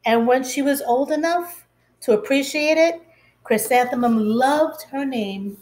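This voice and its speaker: A woman reading a children's story aloud like a teacher, in a deliberate, expressive way. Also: sits high.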